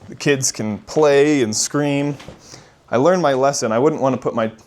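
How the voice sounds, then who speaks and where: A man's voice: medium pitch, moderate pace, a little mellow. A man working as a real estate agent gives a casual walk-through home tour in an upbeat, enthusiastic manner.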